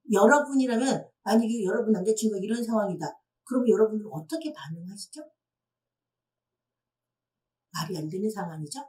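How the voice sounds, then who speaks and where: A woman lecturer addressing teenagers, explaining step by step and putting questions to her audience. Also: medium pitch. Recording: voice from a distant mic.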